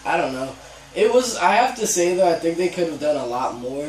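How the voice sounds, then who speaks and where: A man's voice: a little high, big pitch swings, brisk, recorded from a distance, a crowd in the background. Young male co-host, hesitant filler-heavy talk, off-mic in a roomy space. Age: young adult. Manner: hesitant, filler-heavy, says "like" and "honestly" a lot. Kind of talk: casual gaming discussion. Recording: echoey, off-mic room sound.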